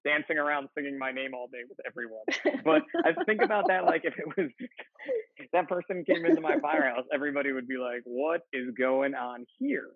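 A man's voice: a little high, big pitch swings, a little fast, no room sound. A man, a firefighter, chatting casually as a podcast guest, rambling with frequent laughs and restarts. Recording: dry tinny phone-like line.

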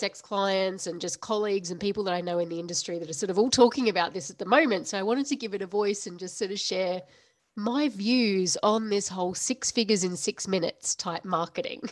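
A woman in her thirties hosts her own business podcast, speaking in an unscripted monologue with a medium-pitched, slightly nasal voice, stuffy from the flu. She's frank and tells it like it is, laughing often, and the recording is dry.

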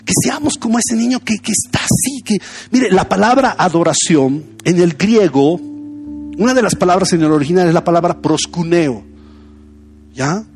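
High-voiced pastor preaching. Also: male voice, expressive, moderate pace, a little mellow, soft background music. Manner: conversational, anecdotal preaching. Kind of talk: sermon.

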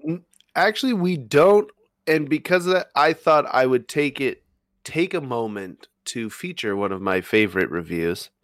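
A man's voice: mid-range voice, expressive, moderate pace, dry recording, clean studio sound. A man co-hosting a podcast, easygoing and hesitant, with many ums. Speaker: podcast co-host. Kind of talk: casual podcast chat.

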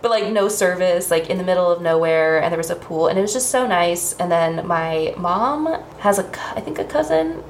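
A woman's voice: on the low side, lively intonation, moderate pace, few pauses. A woman in her twenties, a stand-up comedian, telling casual stories with plenty of swearing. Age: 20s. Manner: chatty storytelling, swears freely. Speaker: podcast guest, stand-up comedian. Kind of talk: casual chat. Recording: echoey room with faint noise.

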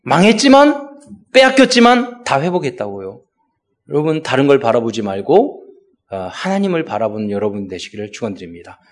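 A man's voice: mid-range voice, big pitch swings, brisk. A male pastor delivering a sermon, rising into exhortations and acting out quoted speech.

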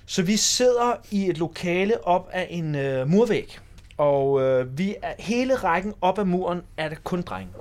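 A man's voice: high voice, expressive, a little mellow. A man in his forties telling a school anecdote in a casual chat, acting out the people in the story. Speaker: podcast host.

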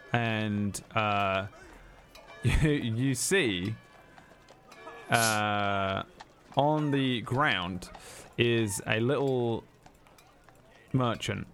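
Male game master, halting and rambling, with faint music behind. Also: fairly low pitch, a bit bright. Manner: rambling, lots of ums. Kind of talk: narrating a tabletop game.

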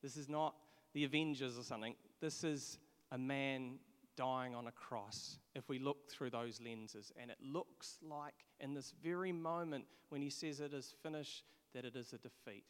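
A man's voice: medium pitch, steady tone, normal speed, clean tone. Man preaching in an echoing hall. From England. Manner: earnest, conversational with restarts. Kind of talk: sermon. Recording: long echo of a large hall.

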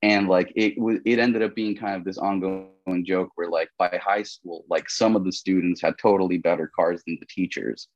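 A young Colombian man with a deep voice speaks at a moderate pace with few pauses, a podcast guest in a casual conversational interview. His manner is relaxed and rambling, with frequent "like" and "you know." The sound is lo-fi and has no echo.

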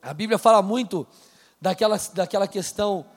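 A man preaching a sermon in a casual, conversational way, slowing down to read scripture aloud. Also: sits high, big-room sound, soft background music. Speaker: pastor. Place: church hall.

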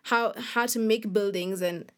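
This young adult from Kenya, a young author being interviewed on a podcast, speaks a little slowly in a mid-range voice. She's casual and a bit hesitant, and often says "like."

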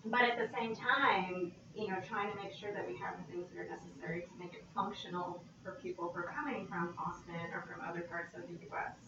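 A woman's voice: fairly low pitch, fairly even intonation, fairly quick, hardly any pauses. Chatty woman, far-off echoey mic. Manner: chatty, seeks agreement with frequent "right?". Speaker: guest. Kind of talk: casual conversation. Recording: distant mic in echoey room, dull and noisy.

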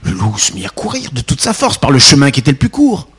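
A man's voice: mid-range voice, huge pitch swings, fast, fairly bright tone, husky. A man teaching a class, reading a fairy tale aloud and then explaining it, in an unpolished way with repeated words.

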